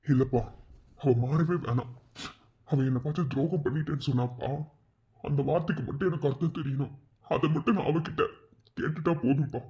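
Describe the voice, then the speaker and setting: A man voicing a proud but heartbroken young man in a cartoon drama, pleading in slow, broken, sobbing phrases. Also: a little high, fairly even intonation, darkish tone, dull audio, close to an everyday voice. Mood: bitter.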